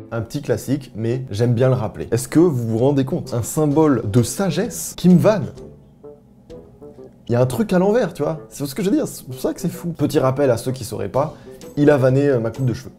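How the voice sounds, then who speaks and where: A man from France telling anecdotes to the camera in a casual, animated, self-mocking and slangy way. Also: medium pitch, moderate pace, long pauses, over music. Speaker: vlogger.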